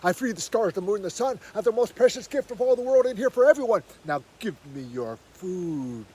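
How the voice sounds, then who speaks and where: A man's voice: sits high, lively intonation, brisk, darkish tone, breathy edge, pitched above the performer's own voice, low-quality recording. A man voicing Raven, a hungry and demanding trickster spirit, within a spoken story.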